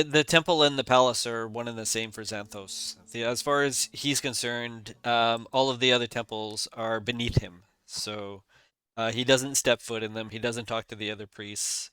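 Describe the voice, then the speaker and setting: A man running a tabletop game as game master, his narration bright and very clear. He hesitates often and restarts sentences, and the sound is dry and close. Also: medium pitch, steady tone, normal speed, no room sound. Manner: hesitant, many fillers and restarts.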